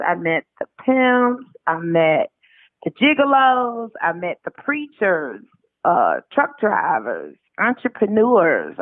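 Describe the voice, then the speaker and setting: An American woman, a guest in an interview, casually tells personal stories in colloquial speech, acting out the dialogue she quotes. Her voice is slightly high, with no echo, heard over a tinny, narrow phone line.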